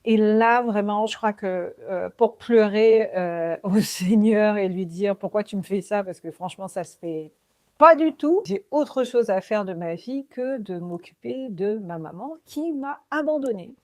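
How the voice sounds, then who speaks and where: Slow, earnest woman sharing a testimony. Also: medium pitch, darkish tone, dry recording, studio quality. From French Guiana. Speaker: podcast host. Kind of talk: personal faith testimony.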